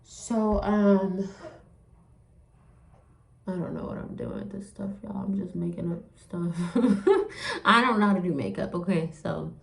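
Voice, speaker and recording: A woman's voice: on the low side, vocal fry. A woman talking casually to her viewers while doing her makeup, rambling with lots of "like" and "you know". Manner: addresses viewers directly as "you guys". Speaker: vlogger. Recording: echoey room, voice from off-mic.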